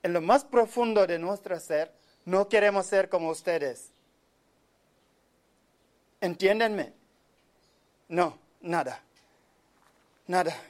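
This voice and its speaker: A man from Senegal giving an earnest, measured monologue, often speaking quietly. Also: high-pitched. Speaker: speaker telling of his migrant life. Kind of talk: reflective spoken monologue.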